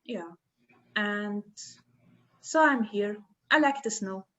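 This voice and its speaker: A woman in her twenties from the Dominican Republic, a podcast guest talking in a halting way, searching for words. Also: medium pitch, fairly bright tone, highs cut off. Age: 20s. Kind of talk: casual interview chat.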